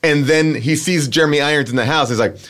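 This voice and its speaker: A man's voice: on the high side, fast, fairly bright tone. A man hosting a casual movie podcast, talking in loose run-on sentences and acting out lines in quotes. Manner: chatty, full of "like", acts out quotes. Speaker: podcast host. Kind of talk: casual movie review chat.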